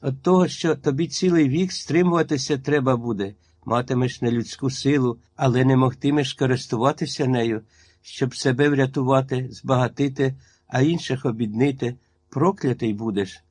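A man's voice: medium pitch, normal speed, a little mellow, no echo, close to an everyday voice. A man reading a story aloud and voicing a stern old village witch woman with a harsh, iron-hard manner.

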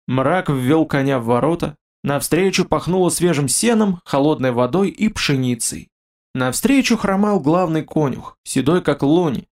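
Male narrator for a fantasy audiobook, steady and expressive, pitch a touch high.

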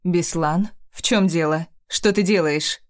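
A woman's voice: lowish voice, measured pace, close to an everyday voice. A woman reading an audiobook, voicing a stern, proud older grandmother who speaks in a commanding, indignant way. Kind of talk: audiobook character voice.

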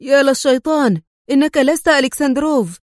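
A woman's voice: medium pitch, a little fast, a little mellow, no room sound, studio quality, lightly acted. A woman doing a jittery, cowardly male inspector. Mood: shocked. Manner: jittery, pleading and fearful.

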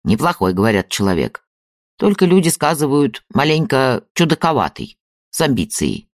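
A man voicing a gruff, preachy old father. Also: mid-range voice, very animated, normal speed, dry recording, clean studio sound, natural voice. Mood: grumbling. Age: older. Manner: folksy, lecturing, plain-spoken. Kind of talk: audiobook character reading.

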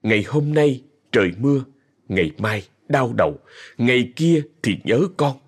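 A man narrating a scripted story in a soft, expressive way. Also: medium pitch, a little slow, breathy edge. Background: faint music.

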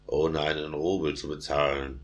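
Man reading a stern, very deep tsar. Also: flat delivery, moderate pace. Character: great orthodox tsar, stern older man.

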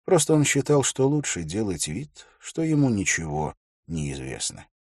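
A man narrating an audiobook in a measured, even storytelling manner. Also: fairly low pitch, husky, no room sound, clean studio sound.

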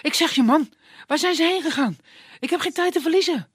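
A storyteller voicing an impatient young man who rushes and demands answers in a puppet tale. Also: very high voice, expressive, fairly bright tone, dry recording, clean studio sound, pitched above the performer's own voice. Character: impatient hasty young man searching the woods.

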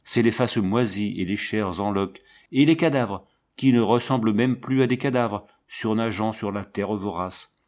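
Male narrator, literary audiobook, low voice, measured expressive reading.

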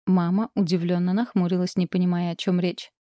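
A woman narrating a literary story in a calm, measured audiobook reading. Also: fairly low pitch, dry recording, clean studio sound.

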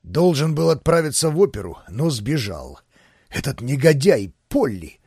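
A man's voice: sing-song, normal speed, a little mellow, husky, no echo, studio quality. A man playing a blustering old grand duke. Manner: booming, blustering. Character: blustering older male grand duke, a father. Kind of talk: audiobook character voice.

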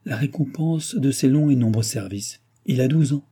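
A man's voice: medium pitch, normal speed, warm tone, husky, pitched above the performer's own voice. A man voicing a witty, flirtatious royal mistress in an audiobook, raised and coaxing. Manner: playful, coaxing.

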